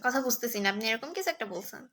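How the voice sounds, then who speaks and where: A woman's voice: on the high side, expressive, quick pace, a bit bright. A woman chatting casually on a live stream, answering viewers' comments one by one.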